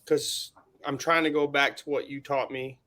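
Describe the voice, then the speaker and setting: A man's voice: mid-range voice, little pitch movement, moderate pace, sharp tone. A man co-hosting a podcast, talking in a laid-back way and laughing often. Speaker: podcast co-host. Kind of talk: casual chat.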